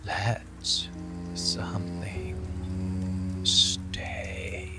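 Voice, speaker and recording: Rain and music play behind a man voicing a monster lover in an intimate ASMR roleplay: seductive, possessive and protective. He coaxes in a breathy, gravelly voice, often whispering, with slow, halting, lingering delivery.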